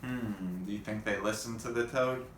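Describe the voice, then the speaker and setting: A man with a lowish voice reads a storybook to children at a normal speed, performing it expressively and chatting with his young audience along the way. The room is echoey, with faint background noise.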